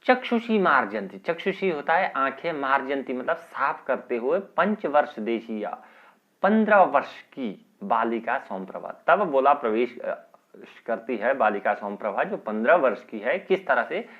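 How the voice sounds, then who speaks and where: Animated male teacher on a tinny line. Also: medium pitch, a little slow. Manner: reads Sanskrit lines then explains them in Hindi, often adding "ठीक है". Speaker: Sanskrit teacher. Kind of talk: online lesson explaining a Sanskrit text line by line. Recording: tinny phone-like audio.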